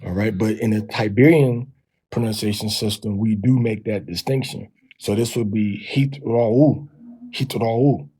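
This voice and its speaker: Mellow, husky man sounding out syllables. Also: on the low side, rough recording. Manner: sounds out syllables slowly and repeats them. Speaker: teacher of a language lesson. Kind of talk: teaching from a text.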